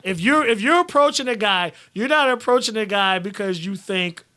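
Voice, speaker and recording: A man's voice: high-pitched, moderate pace. A man hosting a live stream, reading viewer comments and talking bluntly with lots of swearing. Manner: blunt and profane, animated.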